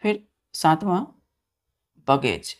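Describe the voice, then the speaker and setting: A man's voice: fairly high pitch, very animated, extremely slow. A male teacher runs a grammar lesson, addressing his students as children. He spells each word out letter by letter and keeps checking in with a short "okay". He often poses a question and answers it himself.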